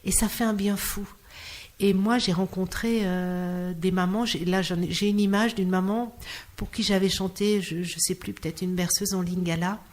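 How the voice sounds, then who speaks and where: A woman talks quietly in an interview, in a voice of ordinary middle height. She pauses and doubles back on her words, stepping through her thoughts with gentle hesitation. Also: medium pitch, steady tone. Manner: soft-spoken, hesitant, repeats words as she searches for them. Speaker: actress and singer interviewed. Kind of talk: reflective interview talk.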